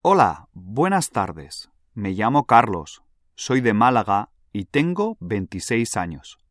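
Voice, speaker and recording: A man playing a friendly twenty-six-year-old in a scripted language-exam dialogue, speaking slowly and clearly. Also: lowish voice, sing-song, no echo, clean studio sound. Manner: slow, clearly spaced delivery.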